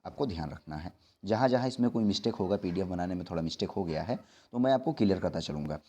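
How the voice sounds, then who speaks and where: A young man teaching English in Hindi, who patiently repeats reminders, slows down to spell out examples and corrects his own slips as he goes. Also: deep voice, expressive, warm tone, breathy edge. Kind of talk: Hindi-language English lesson.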